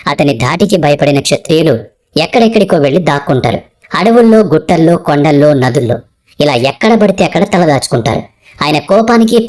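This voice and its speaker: A woman with a notably low, deep voice reads out an old legend as scripted narration. Her delivery is dramatic yet steady, keeping an even storytelling pull from line to line.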